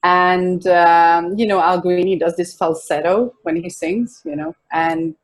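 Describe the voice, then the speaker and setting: A woman's voice: lowish voice, measured pace. A young woman with a Swedish accent, a singer-songwriter guest chatting casually in an interview over a video call. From Sweden. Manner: relaxed and chatty, with soft laughs and restarts. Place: home in a city apartment.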